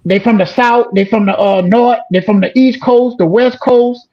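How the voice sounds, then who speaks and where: A man's voice: very high voice, moderate pace. A man talking as a guest in a casual chat, emphatic and insistent, calling the listener bro. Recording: dull lo-fi sound.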